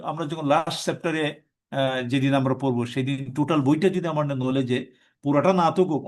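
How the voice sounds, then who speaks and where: A man's voice: on the high side, a little mellow. A man teaching Quranic Arabic grammar in a live class, explaining step by step and reciting verb forms in lists.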